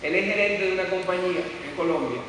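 A man's voice: sits high, brisk, background noise. A middle-aged man giving a motivational seminar talk, telling stories and firing rhetorical questions at the audience. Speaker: seminar speaker. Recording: echoey hall from far off.

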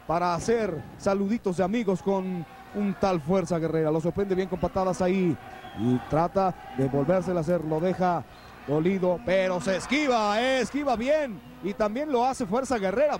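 High-pitched Mexican wrestling commentator, a man. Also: moderate pace, darkish tone. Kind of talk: live lucha libre play-by-play commentary. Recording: noisy old TV broadcast, arena ambience.

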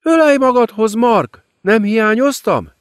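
A man's voice: very high-pitched, lively intonation, no room sound, clean studio sound, voice pushed up. A man voicing a cruel, seductive female demon queen who mocks and gloats. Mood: sweetly false. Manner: mocking, gloating.

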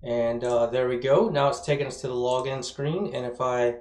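Speaking at a normal speed with a medium pitch, a steady tone, and a slightly mellow quality, a man in his thirties delivers an informal, enthusiastic screencast lesson for a web development course. His speech is a little slurred, as though numbed from the dentist. The roomy, echoey sound reflects the small, bare-walled indoor room he's in.

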